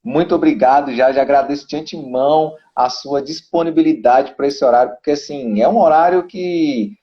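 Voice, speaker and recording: A man's voice: mid-range voice, moderate pace, dull audio. A man and fellow teacher hosting a live online class, informal and jokey, effusive in thanking his guest. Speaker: co-host teacher. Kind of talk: live stream host chat.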